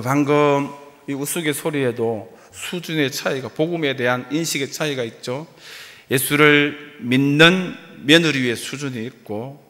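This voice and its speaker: Male pastor, mid-pitched, preaching in a church with long hall reverb, warm joking asides to the flock. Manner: storytelling with folksy jokes, often addressing the congregation. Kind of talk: sermon. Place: church sanctuary.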